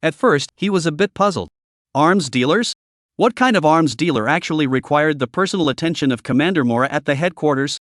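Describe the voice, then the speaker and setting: A man narrating a dramatic recap story in a scripted, animated reading style. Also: fairly high pitch, no room sound, clean studio sound.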